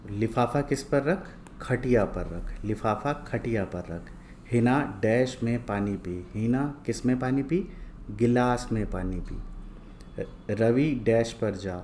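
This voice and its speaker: A man teaching a lesson from worksheets, reading each word twice, slowly and clearly, and asking questions he then answers himself. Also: medium pitch, darkish tone, a little hiss or hum. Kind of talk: slow, patient lesson going through worksheets.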